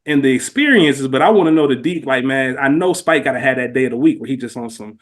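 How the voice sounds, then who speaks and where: Fast and medium-pitched, this male podcast co-host speaks earnestly in slangy, informal terms, probing with questions during a casual, heartfelt conversation.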